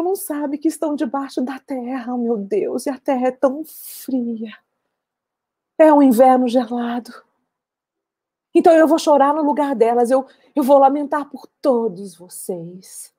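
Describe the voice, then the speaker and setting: A woman voicing a grieving mother who wails a drawn-out lament over dead young soldiers. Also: high voice, mellow, voice pushed up. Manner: keening, drawn-out wailing lament.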